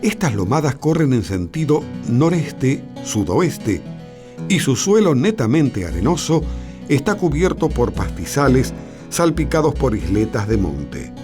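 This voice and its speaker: A man narrating a scripted nature documentary in a measured, explanatory way. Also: medium pitch, sing-song. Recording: music behind the voice. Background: background music.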